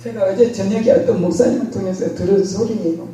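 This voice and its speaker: Older woman pastor, lively storyteller, mellow voice, very echoey far-off sound. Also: mid-range voice, fast, a little hiss or hum. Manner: animated storytelling, acts out scenes. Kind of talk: sermon. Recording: very echoey hall, distant mic.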